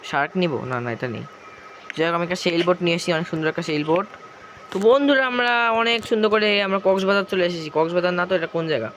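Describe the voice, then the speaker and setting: Gaming YouTuber, male, Bangladeshi Bengali accent, hoarse, rambling and quick, slightly high voice, noisy traffic behind. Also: expressive, a bit bright. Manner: rambling, chatty, keeps circling back with the same filler. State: hoarse from a cough. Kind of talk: casual gameplay commentary.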